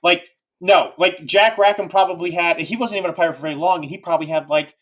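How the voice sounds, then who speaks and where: A man hosting a casual podcast, talking in an animated, rambling way with lots of filler asides. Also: high voice, fast talker. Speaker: podcast host.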